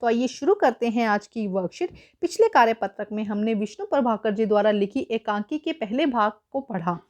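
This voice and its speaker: A woman's voice: a little high, expressive, moderate pace. A woman teacher patiently explaining a school worksheet, mixing English words into her explanations.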